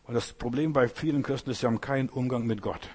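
A man's voice: medium pitch, quick pace, darkish tone, breathy edge. A man preaching a sermon, addressing the congregation directly and often asking "you know?". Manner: addresses listeners directly with "weißt du" and "Geschwister".

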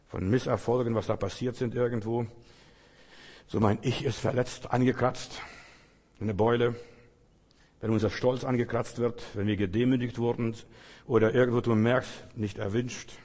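A man preaching a sermon with emphatic swings between loud outbursts and quiet asides, acting out biblical speakers. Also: medium pitch, slightly rough, in a large hall. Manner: acts out biblical speakers in quoted lines.

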